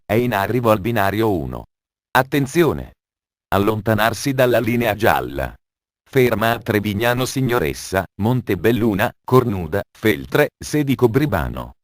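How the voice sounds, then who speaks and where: A man giving formal, measured train station announcements in an automated announcement style. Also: on the low side, no room sound, studio quality.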